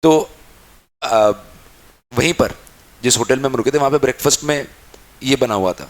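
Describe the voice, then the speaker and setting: A man's voice: medium pitch, normal speed. A young man teaching a class, calling students child and dear, and acting out their questions back and forth. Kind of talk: classroom lecture.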